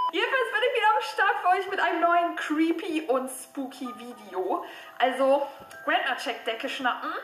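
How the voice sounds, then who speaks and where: A young woman hosting her own channel, reading scary chat messages aloud in a lively, excitable way. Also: sits high. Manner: lively and excitable, squeals and laughs at scary parts. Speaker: horror chat YouTuber. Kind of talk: reading out scary chats to viewers. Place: room at home, sitting on a stool. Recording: echoey room, faint background noise.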